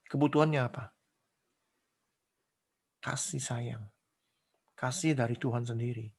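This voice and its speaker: A man delivers a casual, conversational sermon. His mid-pitched voice has a gravelly edge, and he peppers the talk with rhetorical questions and lively acted-out quotes. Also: a little slow. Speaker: preacher.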